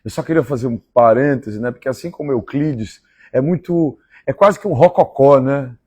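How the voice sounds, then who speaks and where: A man from Minas Gerais with a Mineiro Brazilian accent, reading a novel aloud on a live stream and pausing for chatty asides. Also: mid-range voice, darkish tone, breathy edge, no room sound. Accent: Mineiro Brazilian Portuguese. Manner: measured, repeats favorite lines and chats between passages.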